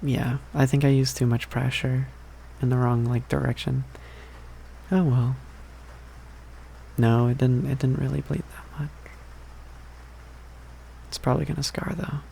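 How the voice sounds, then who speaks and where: A young man playing an affectionate, playful, slightly needy boyfriend in a soft, hesitant, rambling ASMR ASMR role-play. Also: mid-range voice, fairly even intonation, unhurried, creaky, pauses often, slight background noise, poor audio. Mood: relaxed, rambling. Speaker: ASMR performer.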